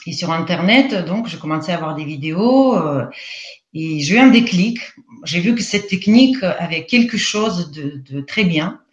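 Russian woman guest, accented, halting, lo-fi roomy audio. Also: fairly low pitch, lively intonation. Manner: hesitant, many fillers. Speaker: guest, EFT practitioner. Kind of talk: casual live interview. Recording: roomy, dull lo-fi sound.

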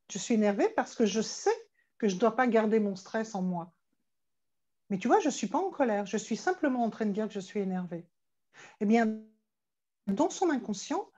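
A woman's voice: fairly high pitch, warm tone, highs cut off. A woman therapist talking frankly and animatedly in a conversation, often repeating her first words. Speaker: therapist and stress coach, guest. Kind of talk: conversational interview talk.

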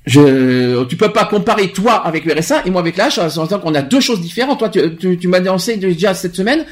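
A man's voice: high-pitched, expressive, a little fast. A man hosting a podcast, talking emphatically in a casual chat and often restarting his words. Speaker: podcast host.

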